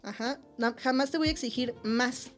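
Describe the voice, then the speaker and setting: A woman with a Mexican accent, a podcast guest in casual chat, telling stories in an animated way and laughing often. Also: fairly high pitch, normal speed, soft background music.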